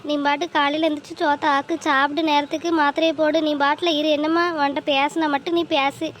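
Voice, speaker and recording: A woman voicing a caring young mother in an animated family drama, gently reassuring her mother. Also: high voice, fast, close to an everyday voice. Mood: soothing. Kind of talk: cartoon voice acting. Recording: faint ambient noise.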